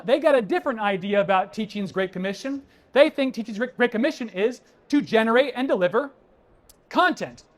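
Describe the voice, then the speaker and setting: A man giving a keynote at a conference, emphatic and conversational, talking straight to the audience. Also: extremely high pitch. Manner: punchy, conversational, addresses the audience as folks. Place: conference stage before an audience.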